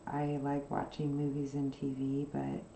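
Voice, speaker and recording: Low, slow-talking woman chatting while sewing. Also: completely flat delivery, echoey room, slight background noise. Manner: rambling, soft-spoken, with frequent fillers. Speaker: craft channel host. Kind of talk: casual chat while sewing.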